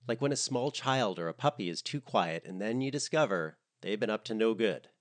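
Man, story narrator, wry, expressive, lowish voice, lively pitch. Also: moderate pace.

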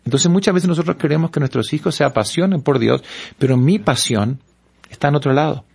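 A pastor from Paraguay telling stories and preaching earnestly, repeating words for emphasis. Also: male voice, fairly high pitch, brisk, creaky, darkish tone, slightly rough. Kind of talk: preaching-style storytelling in a panel talk.

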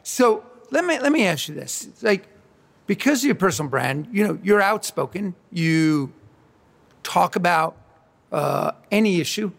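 Gravelly man hosting a podcast interview. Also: high voice, expressive. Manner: measured, hesitant, many ums and uhs. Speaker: podcast host. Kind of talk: conversational interview.

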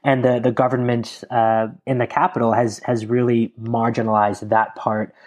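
A man's voice: medium pitch, flat delivery, normal speed, darkish tone. Earnest American man explaining policy. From Connecticut, USA. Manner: earnest, analytical, builds long explanations. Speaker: guest, Africa democracy advocate. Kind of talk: interview conversation.

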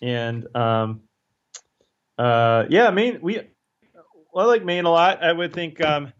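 A man who is a guest on a podcast, speaking hesitantly, with many pauses and restarts. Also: on the high side, expressive. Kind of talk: casual interview chat. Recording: dull lo-fi sound.

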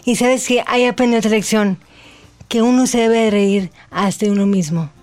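A Mexican woman in her forties, an interview guest telling her own story in slow, deliberate speech with an unusual articulation. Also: fairly high pitch, steady tone, darkish tone, soft background music. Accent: Mexican Spanish. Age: 40s.

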